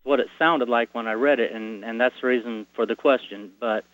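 A man's voice: medium pitch, a little fast, dry recording. A man calling in over the phone, hesitant and repeating his words as he asks a Bible question. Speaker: caller. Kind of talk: caller asking a Bible question. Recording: muffled phone line.

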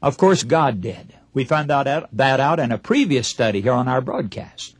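A man's voice: medium pitch, lively intonation, normal speed, breathy edge, no room sound, studio quality. A man preaching a broadcast Bible sermon, emphatic and putting rhetorical questions to his listeners. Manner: acts out short imagined dialogues. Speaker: radio preacher.

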